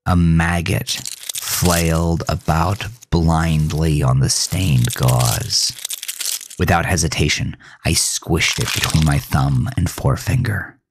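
Over some background noise, a man with an extremely low voice delivers scripted first-person horror narration for his podcast, dramatic and deliberate in his storytelling.

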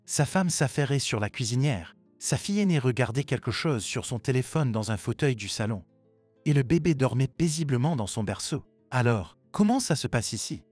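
A man narrating a scripted family drama story in an even, steady reading voice. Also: mid-range voice, normal speed. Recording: dry with faint music behind.

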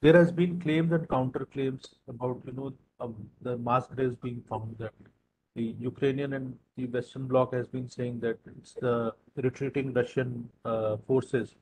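A man's voice: mid-range voice, fairly even intonation, measured pace, darkish tone, slightly rough, poor audio. Male moderator, wordy. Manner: long wordy questions with fillers. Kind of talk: interview questions.

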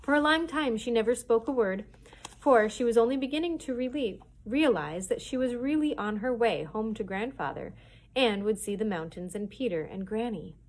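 A children's librarian reading a chapter book aloud in a clear, expressive storytelling manner. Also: female voice, on the high side, normal speed.

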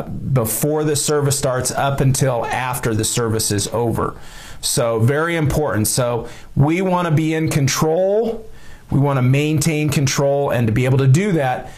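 A middle-aged man giving church security advice straight to camera in a small lamp-lit room, relaxed and plain-spoken, with frequent "you know" fillers. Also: medium pitch.

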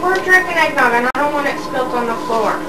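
A mother gently coaxing her child during gift opening, heard on an old home-video VHS tape from a camcorder across the living room. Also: sits high, expressive, fast talker. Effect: old VHS home-video tape sound. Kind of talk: casual family chat. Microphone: camcorder mic across the room. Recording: noisy VHS tape, far off in echoey room.

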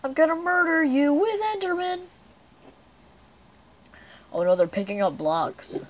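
A woman giving let's play commentary as she plays, excitable and breaking into sudden exclamations. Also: high-pitched, unhurried. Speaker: gamer.

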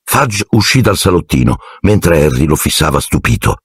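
Deep husky male audiobook narrator. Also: normal speed, no echo, studio quality. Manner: expressive storytelling.

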